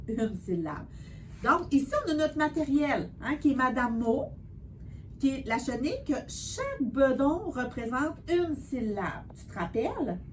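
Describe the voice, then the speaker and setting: A woman tutoring a child in spelling, patient and encouraging, sounding out words slowly. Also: fairly high pitch, a little hiss or hum. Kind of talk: one-on-one spelling lesson.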